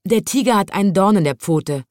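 A woman reading a shy gentle little zookeeper. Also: medium pitch, brisk, dry recording, clean studio sound, lightly acted. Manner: calm, modest, soft-spoken. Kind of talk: storybook reading.

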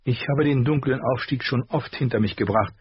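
A cocky, eager teenage girl, as a male narrator puts her on, his voice pushed well up for her. The read is husky and dry with a dull tone. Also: medium pitch, moderate pace, no echo, pitched above the performer's own voice. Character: wiry, boastful teenage girl guide.

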